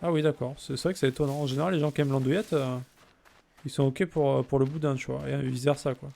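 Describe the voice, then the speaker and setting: A man's voice: mid-range voice, fairly even intonation, quick pace, creaky, warm tone, a little hiss or hum. A man chatting casually and jokingly while streaming a game, answering his viewers' messages. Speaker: let's play streamer. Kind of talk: casual gameplay chat with viewers.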